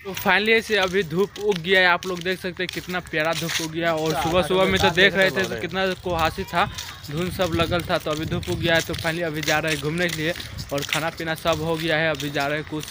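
Holding a phone camera at arm's length, a young man gives a chatty walking narration for his village vlog in a foggy field outdoors. He speaks fairly quickly, his voice on the high side with little pitch movement, and there is background noise.

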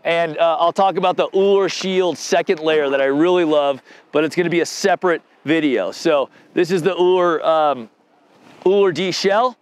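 A man's voice: on the high side, moderate pace. A man in his forties doing a casual, rambling product review outdoors on a snowy slope, talking in a laid-back, slangy way into a lapel mic. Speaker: gear reviewer.

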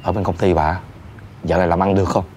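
An actor playing a cheeky, nosy restaurant worker, speaking with a Southern Vietnamese accent in a teasing, nagging comedy sketch. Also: male voice, deep voice, flat delivery, fast talker, darkish tone, slight background noise, close to an everyday voice. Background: background music.

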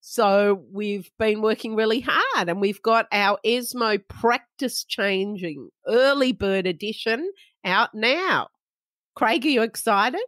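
Chatty woman, slow, dry sound. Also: mid-range voice, lively intonation, fairly bright tone, no echo. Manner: chatty, playful, quick asides. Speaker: podcast co-host. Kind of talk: casual chat.

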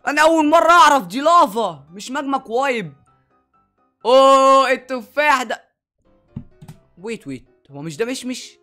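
A man's voice: extremely high pitch, sing-song, quick pace, few pauses, pushed and bright, soft background music. A young man with an Egyptian Arabic accent hosting a reaction video, talking eagerly and exclaiming as he keeps calling out to his viewers. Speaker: YouTube reaction host. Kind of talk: excited reaction commentary.

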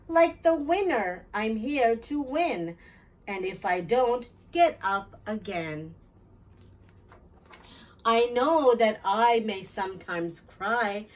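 A middle-aged woman, a teacher hosting children's storytime, reads a picture book aloud with deliberate, clear phrasing for young listeners. Her voice is a little high and is picked up from a little distance. The setting is a small, decorated, classroom-style storytime corner indoors.

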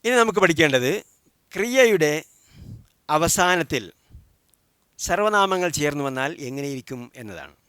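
A man's voice: on the high side, lively intonation, normal speed, pauses often, a bit bright, clean tone, dry recording. Man teaching word drills in a dry close recording. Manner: drills word forms, each followed by its meaning; asks listeners to repeat after him. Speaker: Quran Arabic teacher. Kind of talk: recorded language lesson.

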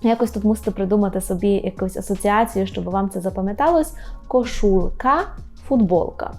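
Warm-voiced woman teaching a language lesson. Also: medium pitch, steady tone, fast talker, soft background music. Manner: patient, repeats each word twice, often checks with a questioning tag.

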